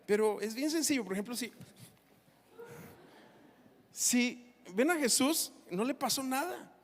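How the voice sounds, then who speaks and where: A man, a pastor preaching a sermon and telling personal stories in an animated, emotional way. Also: extremely high pitch, a little slow. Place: church hall. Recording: reverberant church hall.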